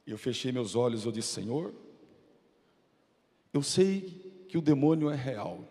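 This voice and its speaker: Fervent Brazilian pastor in an echoing church. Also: male voice, mid-range voice, animated, unhurried, dark tone. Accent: Brazilian Portuguese. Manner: fervent, dramatic storytelling preaching. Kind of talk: sermon. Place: church sanctuary. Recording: reverberant church hall.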